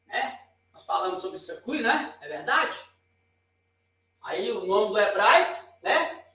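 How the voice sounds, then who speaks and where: An unhurried male teacher with a Brazilian Portuguese accent gives a relaxed board lesson, pointing and correcting himself. His high voice sounds pushed and bright, with big pitch swings. The mic is distant, and the room is very echoey.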